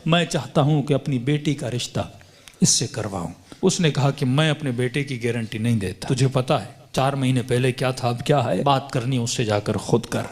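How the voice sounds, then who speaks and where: A man's voice: mid-range voice, husky. A male preacher telling a story in a sermon with passion, acting out the dialogue as he goes. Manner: impassioned, acting out quoted dialogue.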